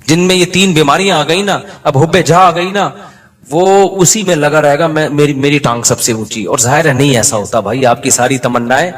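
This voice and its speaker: Male preacher, higher-pitched, sermon storyteller who acts out quotes with humor. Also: a bit bright. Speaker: Islamic preacher.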